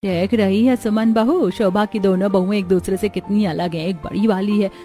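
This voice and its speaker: A woman's voice: mid-range voice, fairly even intonation, moderate pace, dark tone, faint music behind, lightly acted. A woman voicing a gossiping older neighbour, a mother-in-law. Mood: gossipy.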